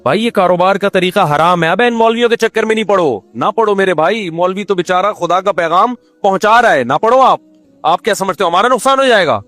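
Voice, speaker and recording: A man with a Pakistani Urdu accent preaches in a fairly high voice and fires off rhetorical questions, breaking into Quranic Arabic recitation now and then. The sound is dry and close to the mic, with faint music behind him. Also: a bit bright, no room sound. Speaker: Islamic scholar giving a sermon. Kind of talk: sermon.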